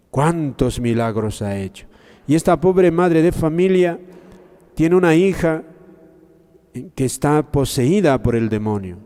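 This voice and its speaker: A man commenting on the Gospel in a sermon style, speaking slowly and reflectively with many pauses and fillers, and often addressing his listeners directly. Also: mid-range voice, mellow, big-room sound.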